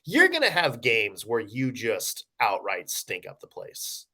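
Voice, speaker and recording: With a mid-range voice that swings hugely in pitch and a sharp tone, a man takes his time offering loose sports analysis as a podcast co-host. His talk rambles, packed with fillers and repeated false starts.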